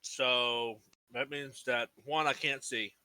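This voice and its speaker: A man playing in a tabletop game, quick to question the rules and talk back about his character's moves. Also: medium pitch, steady tone, pushed and bright, smooth. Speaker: player. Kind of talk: casual play at a tabletop game.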